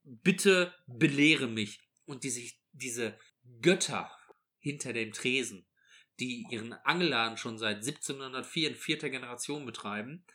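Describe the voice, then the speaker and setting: A man's voice: medium pitch, normal speed, pushed and bright. A man, co-hosting a casual podcast and ranting animatedly with exaggeration. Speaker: podcast co-host.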